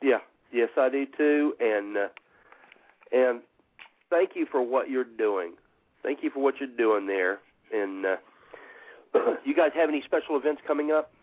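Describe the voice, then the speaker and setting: A man hosting a call-in show in casual talk, halting and often repeating himself. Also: mid-range voice. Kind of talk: casual talk radio chat. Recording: muffled lo-fi internet radio audio.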